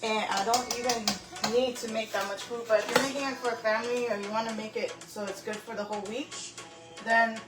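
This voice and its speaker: A woman's voice: a little high, steady tone, fairly quick, roomy sound, over loud music. A young woman chatting casually to her viewers while cooking in her home kitchen, calling them y'all and laughing at herself. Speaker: home cook vlogger.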